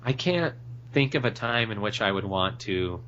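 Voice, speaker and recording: A man co-hosting a podcast, emphatic and excitable in casual chat. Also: fairly low pitch, moderate pace, muffled recording, slight background noise. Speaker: podcast co-host.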